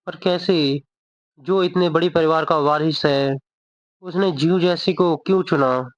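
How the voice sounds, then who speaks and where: A man's voice: a little high, fairly even intonation, measured pace, no room sound, close to an everyday voice. A man reading as a bitter young student fighter. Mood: frustrated. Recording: dull lo-fi dry voice.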